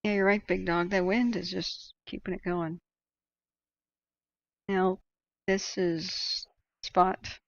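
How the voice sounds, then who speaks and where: An American woman hosting casual live commentary, thinking aloud in a loose, unhurried way and reading out comments. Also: fairly low pitch, flat delivery, no room sound. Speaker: livestream host tracking wildfires. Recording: dull, muffled close microphone.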